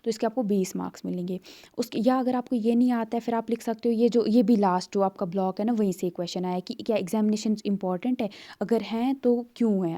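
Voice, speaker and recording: A woman's voice: medium pitch, warm tone. A woman tutor walks through an exam paper in a conversational way, explaining step by step with many fillers.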